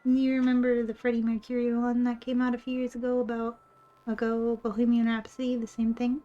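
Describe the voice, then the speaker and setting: A woman's voice: on the high side, monotone, a little fast, mellow, highs cut off. A woman with a cute, bubbly anime-streamer delivery, chatting casually on a livestream. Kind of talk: casual livestream chat while drawing. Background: background music.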